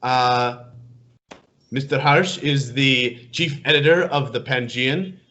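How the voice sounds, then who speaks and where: A man hosts a relaxed conversation in an even, mid-range voice, genial and a little halting as he hunts for words. The audio is slightly dull and muffled. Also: medium pitch. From Middle East. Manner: genial, repeats words while finding phrasing. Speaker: podcast host. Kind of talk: casual interview conversation.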